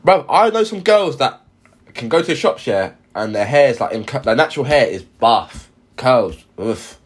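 A man's voice: mid-range voice, sing-song, moderate pace, slightly rough. A man co-hosting a podcast, chatting casually in street slang and often repeating himself. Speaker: podcast co-host.

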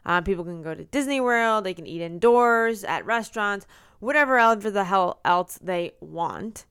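Wry woman with a smooth voice, podcast co-host. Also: mid-range voice, normal speed, no echo, clean studio sound. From United States. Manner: wry, deadpan sarcasm, laughs often. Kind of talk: casual podcast chat.

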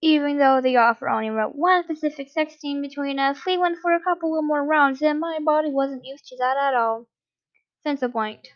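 A woman with a high voice reads a fan story aloud at a moderate pace, casual and unpolished, slipping now and then and starting over. The recording sounds dull and lo-fi.

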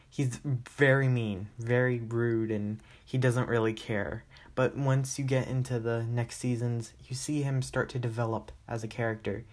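A man hosts a podcast and recaps an episode in a relaxed, chatty way. His talk wanders and is dotted with "uh" fillers. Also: mid-range voice. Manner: chatty, loose, with frequent "uh" fillers. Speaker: podcast host.

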